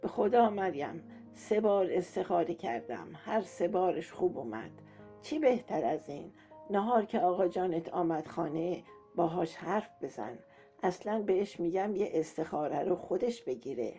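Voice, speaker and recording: A woman's voice: fairly low pitch, animated, muffled recording, soft background music. A woman reading as a nagging older aunt. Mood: insistent. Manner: nagging, sharp-tongued. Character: older aunt, pushy and scolding.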